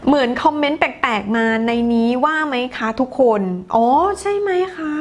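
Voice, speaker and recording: A woman's voice: sits high, animated, normal speed. A woman teacher with a Thai accent reads viewer comments during a live English lesson, chatty and laughing, moving between two languages.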